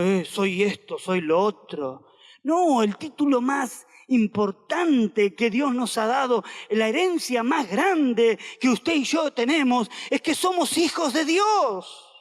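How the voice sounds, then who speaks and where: A man with an Argentine accent, a pastor preaching emphatically and repeating phrases for the congregation to say back. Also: very high-pitched. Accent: Argentine Spanish. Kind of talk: sermon. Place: auditorium. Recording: long reverb of a large hall.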